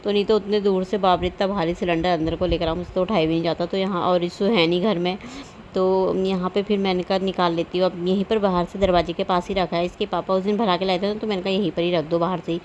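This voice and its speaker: A woman's voice: on the low side, steady tone, fast talker, hardly any pauses, a little mellow, dull audio, a little hiss or hum. A woman narrating her home vlog over footage in a chatty, rambling, homely way, full of little filler tags. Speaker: home vlogger.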